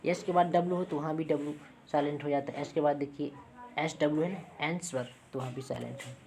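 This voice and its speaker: Woman teacher, very low voice, repeats points often, faint room noise. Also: steady tone, quick pace, darkish tone. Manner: repeats points, checks in with "ठीक है". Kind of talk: classroom lesson.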